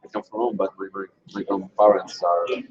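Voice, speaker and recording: A man's voice: deep voice, steady tone, brisk, highs cut off. A man with a Roman Italian accent chatting casually and hesitantly, searching for his words. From Italy. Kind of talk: casual chat.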